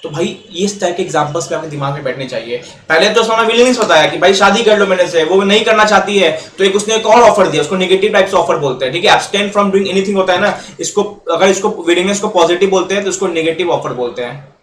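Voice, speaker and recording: A man teaching a lecture, explaining with quick role-played examples and mixing in English terms. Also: high-pitched, fairly bright tone. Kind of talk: classroom-style lecture. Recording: echoey room, faint background noise.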